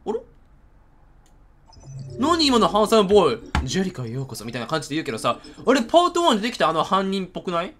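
A man's voice: sits high, huge pitch swings, fast talker, long pauses, a bit bright. A man with a Kansai Japanese accent giving jumpy let's-play commentary, talking to the game character and breaking into outbursts. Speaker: gamer. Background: game music.

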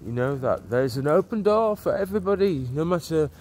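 A street preacher in his forties walks along a leafy town street and through a park, preaching earnestly into a phone camera held at arm's length for a vlog. His high-ish, darkish voice is animated and brisk, rambling with many restarts and "you know"s. Faint street noise and passing cars come through.

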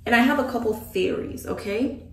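A woman chatting to camera as a hair vlogger, thinking out loud with joking asides. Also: on the high side, a little fast. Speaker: beauty vlogger. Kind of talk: casual chat to camera. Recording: echoey room from a distant mic.

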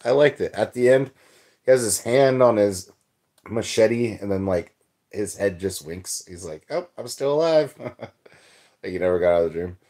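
A man's voice: on the low side, lively intonation, normal speed, a little mellow. A young man hosting a livestream, chatting casually and reading out viewer comments in a loose, rambling way. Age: young adult. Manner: rambling, loose, filler-heavy chat. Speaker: livestream host.

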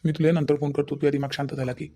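A woman's voice: low-pitched, flat delivery, racing, dark tone. A woman voicing an evasive young man with a Vidarbha Marathi accent, pleading on the phone and promising to explain everything later. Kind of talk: cartoon voice acting.

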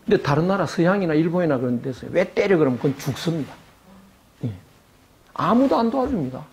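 Lively older man lecturing. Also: fairly high pitch, quick pace, slight background noise. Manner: animated, acts out quoted voices, asks rhetorical questions. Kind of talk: academic lecture.

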